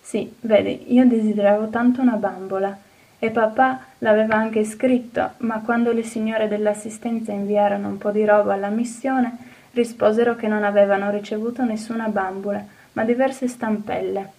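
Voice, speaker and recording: A woman reading an audiobook, voicing a cheerful, eager little orphan girl who talks in a bright, earnest way. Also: mid-range voice, level tone, normal speed, recorded from a distance, lightly acted, low-quality recording. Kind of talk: audiobook character voice.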